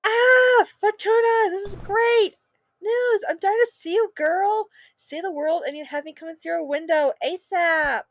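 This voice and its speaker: Woman playing a brash, excited buff witch. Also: a little high, normal speed, no echo. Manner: loud and brash, cursing. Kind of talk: reading game dialogue aloud.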